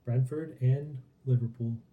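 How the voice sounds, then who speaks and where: A man's voice: medium pitch, steady tone, measured pace, narrow, tinny audio. A man chatting casually as co-host of a pack opening. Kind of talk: casual chat. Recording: echoey room with faint noise, crinkling packs.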